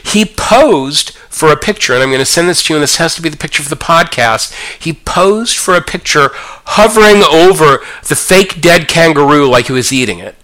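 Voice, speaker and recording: Amused, bright-voiced man rambling through a story. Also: fairly high pitch, expressive, moderate pace. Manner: amused, rambling with many fillers. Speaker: podcast co-host. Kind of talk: casual anecdote telling.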